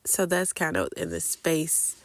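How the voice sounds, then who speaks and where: Speaking low in a sing-song, slightly slow way, a woman in her late 20s hosts her own casual podcast while nursing a cold that leaves her congested. She chats candidly, with frequent fillers such as "like" and "I don't know," in an echo-free recording.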